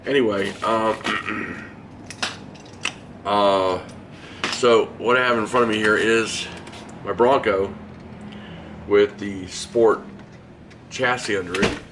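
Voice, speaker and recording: A man with a head cold, sounding hoarse, hosting a casual hobby how-to and explaining each step in a relaxed, rambling way with lots of fillers. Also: lowish voice, slow, pauses often, noisy background. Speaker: host of a hobby garage channel.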